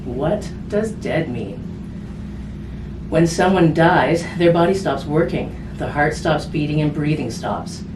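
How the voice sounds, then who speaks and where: Reading slowly in a low voice, a woman shares a picture book with children. She talks conversationally in simple terms, adding tag questions and casual asides. The recording is roomy and distant, with background noise.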